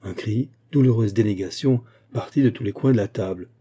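Male audiobook narrator, measured, mellow dark tone. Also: fairly low pitch, breathy edge. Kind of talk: scripted narration.

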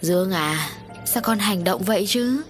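An elderly grandmother, measured and scolding, as a woman storyteller voices her. She speaks at a middle pitch over faint music. It is a storybook reading. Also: lightly acted. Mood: stern.

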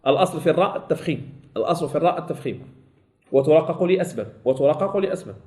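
A man with a Moroccan Arabic accent teaching a Quran recitation class. He corrects his students and stretches out sample words slowly, saying them again and again. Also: fairly high pitch, expressive, a little mellow. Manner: corrects students and checks they follow. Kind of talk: classroom tajweed lesson.

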